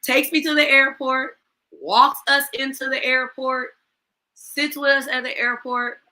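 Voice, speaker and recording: A woman in her forties speaking as a guest, her tone bright and forceful. She tells her own story with feeling and acts out the lines of the people in it. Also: sits high, flat delivery, measured pace, low-quality recording. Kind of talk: personal testimony in an online talk show.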